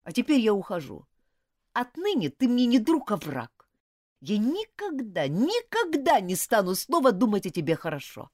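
A woman's voice: medium pitch, huge pitch swings, normal speed, dry recording, clean studio sound, pitched above the performer's own voice. A woman reading an audiobook, voicing a proud, hot-tempered schoolboy who talks in an indignant, clipped, scornful way. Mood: threatening.

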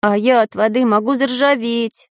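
A woman's voice: a little high, steady tone, normal speed, no room sound, natural voice. A practical, matter-of-fact iron handyman from a children's story, voiced by a woman. He talks plainly and a little glumly. The recording is close and dry. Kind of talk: children's audiobook voice acting.

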